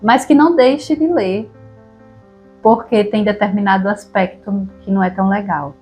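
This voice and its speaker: Brief: Brazilian woman, chatty co-host, slightly husky, mid-pitched, soft music under. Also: moderate pace. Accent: Brazilian Portuguese. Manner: relaxed, chatty, frequent tag questions. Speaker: podcast co-host. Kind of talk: casual conversation about reading aloud.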